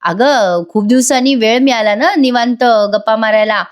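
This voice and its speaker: A woman's voice: on the high side, moderate pace, lightly acted. A woman voicing a scheming middle-aged man who coaxes and wheedles. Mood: coaxing. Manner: coaxing, wheedling.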